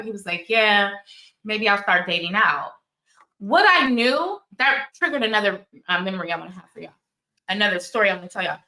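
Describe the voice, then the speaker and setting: A woman's voice: on the high side, pushed and bright, roomy sound, low-quality recording. A woman in her forties hosting her own channel, chatting candidly and telling stories with many asides. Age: 40s. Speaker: channel host. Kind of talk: casual commentary chat.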